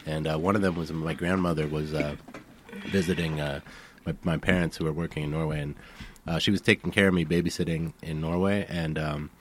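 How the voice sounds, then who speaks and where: A man with a very low voice tells a casual story, stopping often with ums and uhs. There is faint background noise in the studio. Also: fairly even intonation, brisk. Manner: hesitant, many fillers. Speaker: guest.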